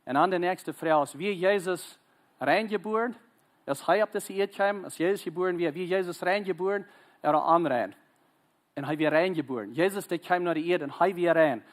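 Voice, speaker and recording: A man with a Plautdietsch accent preaching a sermon, earnest and urging, often pausing and restarting mid-sentence. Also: high voice. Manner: halting, frequent hesitations and restarts.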